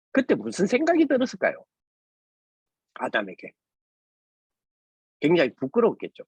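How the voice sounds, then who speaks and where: Husky man preaching. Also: mid-range voice, no echo. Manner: keeps asking rhetorical questions, tag "right?" after nearly every phrase. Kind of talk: sermon. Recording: dull lo-fi recording, dry.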